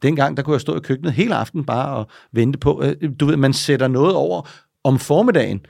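Man, gravelly voice, rambling interview guest, tag questions, dry close sound. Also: medium pitch, darkish tone, no room sound. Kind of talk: casual interview talk.

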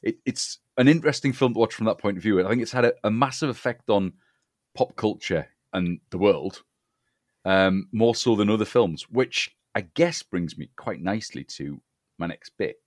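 Brief: low-voiced man, podcast host, chatty and relaxed, dry close sound. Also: moderate pace, no room sound. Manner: chatty, frequent yeah and fillers. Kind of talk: casual film chat.

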